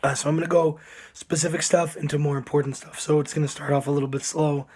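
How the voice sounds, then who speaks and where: A man with a hoarse, sick voice that is giving out gives casual commentary as a game reviewer, often clearing his throat. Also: fairly high pitch, little pitch movement, fast talker, darkish tone.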